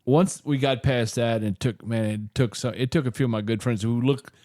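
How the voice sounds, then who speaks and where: A man co-hosts a podcast in a studio and chats in a loose, joking way. He laughs easily and lets a curse slip now and then. His voice sits at an ordinary middle pitch. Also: steady tone, fairly quick, a little mellow. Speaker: podcast co-host. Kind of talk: casual chat.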